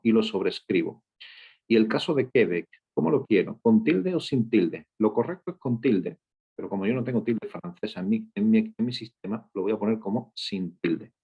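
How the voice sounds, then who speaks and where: Gravelly low-voiced man teaching data cleaning. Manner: explanatory, frequent "¿eh?" and "¿ok?" check-ins. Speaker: data instructor. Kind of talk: screen-share coding tutorial. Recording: dull lo-fi sound.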